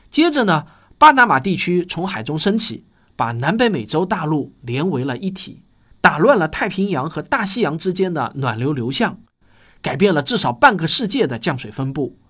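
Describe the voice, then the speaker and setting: Male nature documentary narrator for a science series: slightly high pitch, highly varied melody, explanatory storytelling read. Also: husky. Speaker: host of a popular science audio series.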